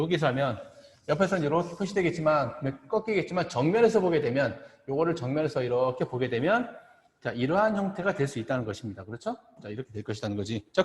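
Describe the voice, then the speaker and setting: A middle-aged male professor lecturing at a board. He pauses often, repeats phrases and keeps checking that the class is following. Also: a little high. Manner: halting, repeats phrases, asks "그죠?" for agreement. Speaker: optometry professor. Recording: echoey classroom with long reverb.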